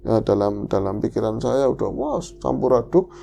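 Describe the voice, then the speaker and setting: A man's voice: animated, normal speed, creaky, dark tone, faint music behind. A man, dramatically telling a first-person horror story as podcast host, acting out the quotes. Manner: dramatic, swings pitch and acts out quotes.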